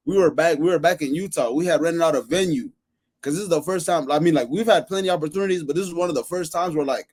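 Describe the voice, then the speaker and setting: A man on a podcast panel, telling excited stories in casual chat, full of restarts and fillers. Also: on the high side. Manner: excited, rapid storytelling with many restarts and fillers.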